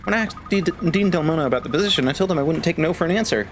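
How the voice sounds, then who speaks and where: A man voicing an eager, cheerful young woman assistant from a video game, talking in a chirpy, excitable way. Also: a little high, very fast, slight background noise.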